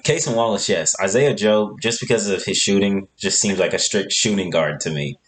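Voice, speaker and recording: A young man with a fairly low voice co-hosts a sports podcast, talking in an easy, unhurried way. He works through a list of basketball contracts, adding offhand opinions as he goes. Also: a little hiss or hum. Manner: relaxed, talks through a script of player deals. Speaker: podcast co-host. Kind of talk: casual sports chat.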